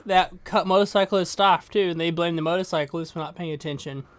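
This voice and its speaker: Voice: mid-range voice, steady tone, fairly quick. Eager chatter chiming in on a stream. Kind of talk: casual chat.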